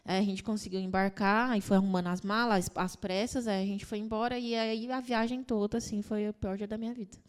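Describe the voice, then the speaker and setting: A young woman speaks as a podcast guest, telling a personal story at a rushing clip. Her voice sits at an ordinary middle pitch. She keeps slipping into other people's words as she retells it, earnest and emotional. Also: steady tone, smooth. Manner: rapid, emotional retelling with quoted dialogue.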